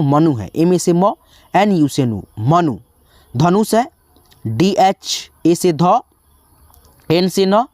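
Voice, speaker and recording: A teacher slowly spelling out words one letter at a time, often calling the listeners friends. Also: mid-range voice, mellow, dry recording. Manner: slow, drawn-out spelling with frequent "dosto". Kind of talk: spelling lesson.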